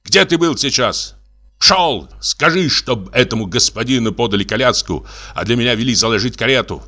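A man reading the part of a wealthy, pampered, hot-tempered gentleman who shrieks his lines. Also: lively intonation, a little fast. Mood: shouting at servant. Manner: shrill, shrieking outbursts.

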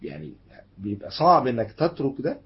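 A man's voice: mid-range voice, sing-song, fast talker, slightly rough. A middle-aged man preaching in Egyptian Arabic, conversational, acting out everyday exchanges with the audience. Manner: conversational, acts out everyday dialogues. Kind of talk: Egyptian Arabic religious lecture. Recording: dull lo-fi lecture recording.

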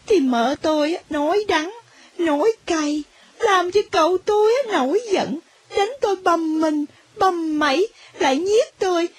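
Brief: a woman reading as a plaintive young village orphan, very high voice, dry close sound. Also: no room sound. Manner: plaintive, tearful, trailing filler particles. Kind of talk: storybook reading.

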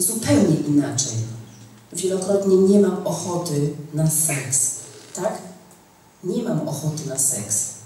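A woman's voice: fairly low pitch, animated, slow, mellow. Emphatic woman preaching in an echoey hall. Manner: emphatic, repeats key phrases, asks "tak?". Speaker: women's teacher. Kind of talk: church teaching. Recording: echoey room, mic far off, faint noise.

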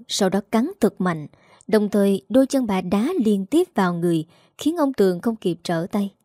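A woman narrating a family drama story in a steady, dramatic read. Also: mid-range voice, no echo, clean studio sound.

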